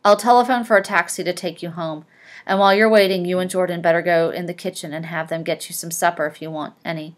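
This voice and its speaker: A woman voicing a gruff, domineering wealthy young man with a curt, commanding manner in a read-aloud novel. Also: fairly low pitch, fairly even intonation, fast talker, natural voice. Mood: grim.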